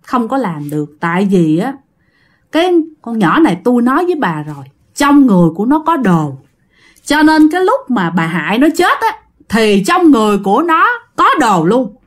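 A woman voicing a male sorcerer who gravely refuses to help, in a matter-of-fact, warning way. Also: a little high, sing-song, moderate pace.

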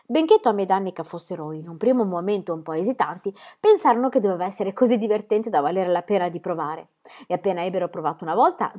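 A woman reading a children's book aloud in an expressive storytelling way. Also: medium pitch. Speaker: reader.

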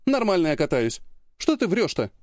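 A man voicing a brash, excitable young sister. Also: sits high, moderate pace, no echo, studio quality, voice pushed up. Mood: indignant.

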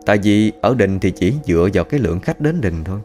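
A man's voice: on the low side, animated, quick pace, a little mellow, faint music behind. A man narrating a ghost story in a colloquial, chatty way.

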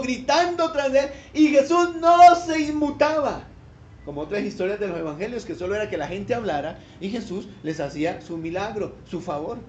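A male pastor preaching a sermon, telling a story and acting out the voices, sometimes rising to shouted cries. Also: very high voice, reverberant, a little hiss or hum.

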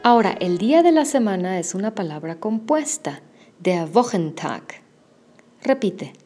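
Woman, language teacher, slow deliberate delivery, patient drills, careful enunciation. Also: mid-range voice, very animated, mellow, soft background music. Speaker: German teacher.

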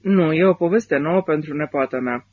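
A drunken, melancholic old army general speaks in a confiding, gloomy tone, as a man reads him aloud. The voice sits fairly high. The recording sounds dull and lo-fi, like an old audiobook. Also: slight background noise, natural voice.

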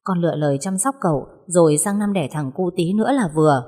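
A woman's voice: fairly low pitch, brisk, mellow, natural voice. A woman voicing a harsh, scornful old mother-in-law who scolds bluntly, with a long reverb on the voice. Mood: pleased.

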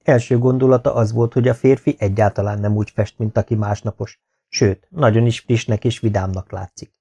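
A man reading a novel aloud as an audiobook narrator, in a steady, even manner. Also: on the low side, husky, lo-fi sound. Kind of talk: scripted narration.

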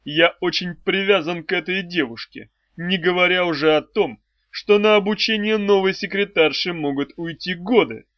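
A man's voice: high voice, moderate pace, few pauses, no room sound, voice pushed up, natural voice. A man voicing a self-assured, mocking lord of darkness with a dry ironic manner. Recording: dry, slightly dull audiobook recording.

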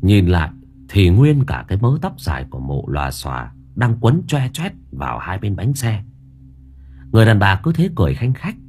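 A man's voice: fairly low pitch, huge pitch swings, moderate pace, a little mellow, a little hiss or hum. A man narrating an audiobook story in a dramatic storytelling manner.

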